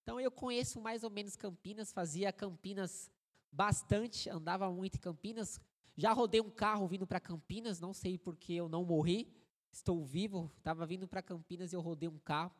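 A man in his thirties with a Brazilian Portuguese accent, a guest preacher giving a sermon in a joking, animated, conversational way, with a fairly high voice for a man. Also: brisk. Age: 30s. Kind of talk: sermon with humorous storytelling. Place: church sanctuary. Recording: long church hall reverb.

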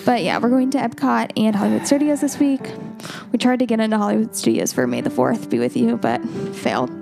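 A woman's voice: fairly high pitch, expressive, a little fast, gravelly, music in the background. A woman in her late twenties co-hosting a podcast, bubbly and giggly in casual chat. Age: 20s. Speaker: podcast co-host.

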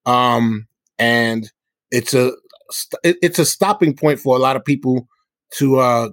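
Recorded dry, a middle-aged man from New York City's South Bronx speaks in a mid-range voice. As a hip hop musician appearing as a guest, he answers interview questions in an earnest, explanatory, conversational manner.

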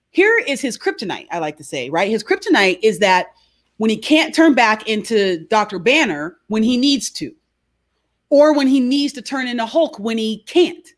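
Animated woman coach telling stories. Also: a little high. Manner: animated storyteller, frequent "right?". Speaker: guest, behavior coach. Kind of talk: conversational interview.

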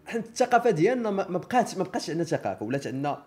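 Man, Moroccan Arabic accent, slightly high voice, hugely varied intonation. Casual podcast conversationalist with bits of French and English. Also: big pitch swings, very fast, darkish tone. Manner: mixes in French and English words.

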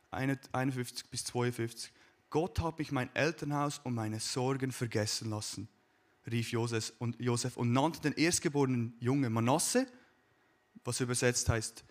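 A man preaching a sermon, retelling a Bible story informally and building to a loud, fervent appeal. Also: medium pitch. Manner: informal storytelling, addresses listener as dear friend, builds to loud fervent climax.

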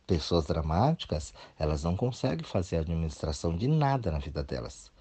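A man's voice: low voice, very animated, a little fast, mellow, husky. A man, a therapist, giving a blunt motivational talk and mocking whiny voices of others.

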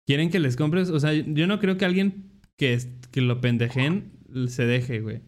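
A young man, hosting a casual podcast and telling animated, slangy stories. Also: on the high side, moderate pace. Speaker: podcast host.

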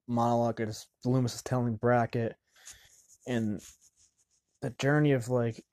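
A man giving casual film commentary, rambling and halting, often restarting mid-sentence. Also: mid-range voice, darkish tone, no echo, studio quality.

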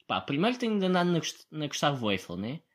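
A man's voice: on the high side, fast talker. A young man with a European Portuguese accent, hosting a solo podcast in a rambling, sarcastic way. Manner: sarcastic, mocking impressions of others; rambling and animated. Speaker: podcast host. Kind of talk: casual solo podcast monologue.

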